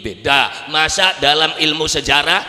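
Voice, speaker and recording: A man's voice: a little high, animated, a little slow, sharp tone. A man with an Indramayu Javanese accent preaching a sermon, asking and answering his own rhetorical questions and repeating words for emphasis. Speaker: Islamic preacher. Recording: reverberant hall.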